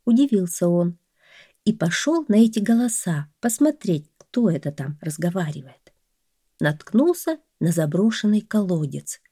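A woman narrating a folk tale in a calm, even storytelling voice. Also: fairly low pitch, husky, no echo, studio quality.

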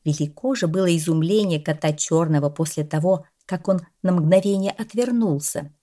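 A woman narrating a children's animal story in a measured, expressive way. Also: on the low side.

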